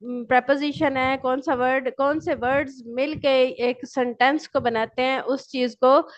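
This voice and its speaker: A woman lecturer giving an online class, who asks her students questions and answers them herself. She reads English definitions out slowly and explains them in Urdu. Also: high voice, steady tone. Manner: switches between English and Urdu. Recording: dull lo-fi recording.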